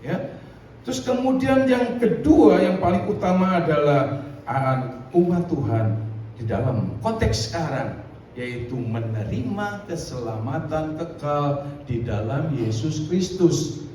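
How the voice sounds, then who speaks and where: Lively man preaching in an echoey room. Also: a little high, slow pace. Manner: lively, conversational, with frequent asides. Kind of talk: sermon. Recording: echoey room, distant mic, faint noise.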